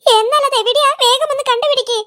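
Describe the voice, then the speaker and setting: Someone doing a squeaky nervous cartoon schoolboy. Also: steady tone, quick pace, sharp tone. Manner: nervous, whispering plotter. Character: scheming schoolboy hiding cut hair. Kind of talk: comic cartoon dubbing.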